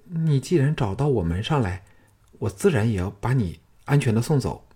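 A male narrator voicing a tender, wistful young palace consort in a raised, hushed voice. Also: mid-range voice, big pitch swings, moderate pace, breathy edge.

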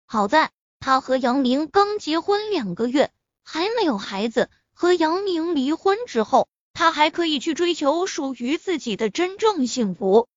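High, lively woman narrating a story. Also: a little slow, few pauses, no echo. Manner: expressive storytelling, acts out the characters. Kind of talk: reading a web novel aloud. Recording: slightly muffled lo-fi.

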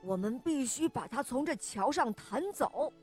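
A woman's voice: high voice, animated, a little slow, breathy edge, soft background music, heavily acted. Woman putting on a grumpy wild boar. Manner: grumbling, huffy. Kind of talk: storybook reading.

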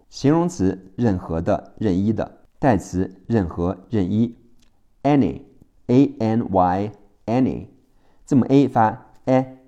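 A man teaching English vocabulary in a phonics lesson, spelling each word letter by letter and repeating it slowly. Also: fairly low pitch, dark tone.

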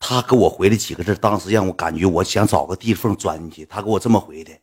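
Husky young man with Northeastern Mandarin accent. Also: deep voice, fast. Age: young adult. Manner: rambling, repetitive retelling with many restarts. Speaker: livestream host. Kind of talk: casual storytelling to fans.

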